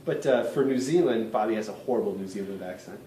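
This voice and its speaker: A man's voice: lowish voice, quick pace, warm tone, distant mic. A man co-hosting a podcast in casual chat, talkative, often stumbling and repeating words. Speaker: podcast co-host. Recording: roomy, a bit off-mic, faint noise.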